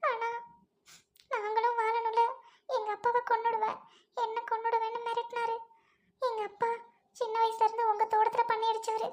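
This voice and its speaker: A guilt-stricken young maid , put on by a woman, pleads for forgiveness in a thin, very high voice. Her words come in a flat, tearful run with little rise and fall, played as melodramatic serial acting. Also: normal speed, pauses often. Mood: tearful confession. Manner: tearful confessing.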